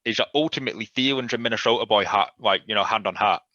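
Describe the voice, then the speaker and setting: A man with a bright, forceful voice on a low-pitched register, talking over a dull, lo-fi call line in a dry space. He rambles and swears freely as an animated podcast guest. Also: fast talker, no room sound. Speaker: guest fan analyst. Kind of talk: casual podcast chat.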